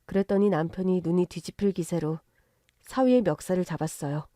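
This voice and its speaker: Calm middle-aged woman narrator, dry sound. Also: fairly low pitch, fairly quick, no room sound. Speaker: story narrator. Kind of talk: scripted first-person narration.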